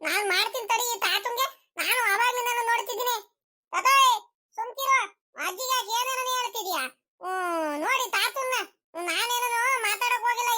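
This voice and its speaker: A woman's voice: extremely high pitch, fast, bright, forceful tone. A woman voicing a cheeky, easily hurt young grandson in a cartoon comedy, whining and complaining. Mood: sulky. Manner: whiny, sulky complaining.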